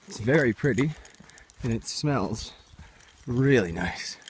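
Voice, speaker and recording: A man's voice: mid-range voice, lively intonation, takes it slowly, slight background noise. A young man narrating a casual hiking vlog to a handheld camera, chatty and easygoing as he points things out on the trail and at camp. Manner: easygoing, chatty, shows things to the viewer as he goes. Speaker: hiking vlogger. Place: outdoors on forest trails and at a campsite.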